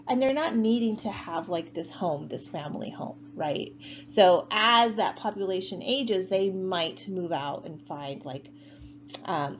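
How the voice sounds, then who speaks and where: A woman's voice: on the low side, darkish tone, muffled recording, a little hiss or hum. A woman teaching a college geography class in a recorded online lecture, talking casually with many fillers and tag questions. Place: home.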